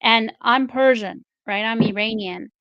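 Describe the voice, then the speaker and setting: A woman hosting a live online career chat, earnest and encouraging as she reflects with her guest. Her voice is smooth and clear, and the recording is close and dry with no room sound. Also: on the high side, measured pace, dry recording, lo-fi sound. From Canada. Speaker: host.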